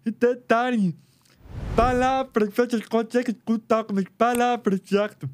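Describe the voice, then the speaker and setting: A man with a Brazilian accent telling his own story as an interview guest, speaking slowly with careful, deliberate articulation. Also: extremely high pitch, steady tone, a little hiss or hum. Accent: Brazilian Portuguese. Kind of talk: personal story in conversation.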